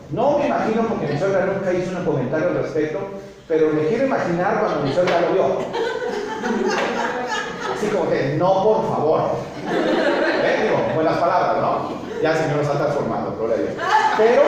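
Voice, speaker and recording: Pastor preaching in an echoey hall. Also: male voice, fairly high pitch. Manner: animated storytelling, asks the congregation often. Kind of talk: sermon. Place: church hall. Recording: echoey hall, distant mic, faint noise.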